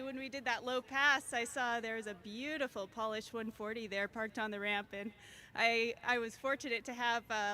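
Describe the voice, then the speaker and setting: A woman's voice: a little high, pushed and bright. A woman guest performer giving an upbeat, gracious live interview at an outdoor event. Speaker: wing walker, guest performer. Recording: clear background noise, outdoor air show.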